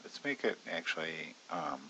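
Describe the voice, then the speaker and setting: A man's voice: sing-song, normal speed, pushed and bright, lo-fi sound, slight background noise. A man casually walking through an options trade on screen, chatty with many fillers. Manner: casual, chatty, many fillers, bursts into high-pitched alarm retelling panic. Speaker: options trading educator. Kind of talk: screen-recorded trading walkthrough.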